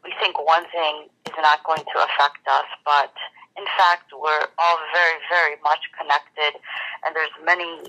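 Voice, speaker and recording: Spiritual talk, bright tone, reflective, fillers and restarts, teaching manner. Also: mid-range voice, little pitch movement, unhurried, dull audio. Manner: rambling, many fillers and restarts. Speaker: religious speaker. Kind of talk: spiritual talk with a told fable.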